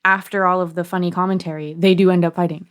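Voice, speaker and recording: A woman's voice: lowish voice, level tone, fast talker. A woman in casual podcast banter before a tabletop game, reasoning things out with lots of "like.". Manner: reasoning, talks things through with filler "like". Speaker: podcast co-host player.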